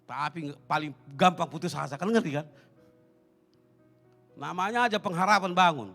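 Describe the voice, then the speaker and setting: A man preaching a sermon as pastor, swinging between loud declarations and hushed asides. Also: a little high, moderate pace, gravelly, faint music behind. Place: church sanctuary.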